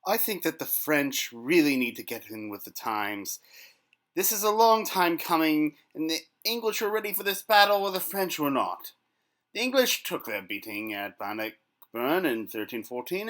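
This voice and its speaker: A scornful medieval pundit, played by a man argues his case emphatically in a mock news debate. His voice is fairly high and forceful, with very lively swings in pitch. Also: moderate pace. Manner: emphatic, argumentative. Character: combative male medieval war pundit, scornful and argumentative.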